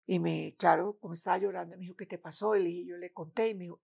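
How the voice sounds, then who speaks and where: A woman's voice: lowish voice, quick pace, vocal fry, breathy edge. An older woman with a Colombian accent, a guest in a conversation, telling a personal family story and acting out the voices of the people in it. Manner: animated, acts out the voices of people in her story. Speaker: interview guest, mother of the host.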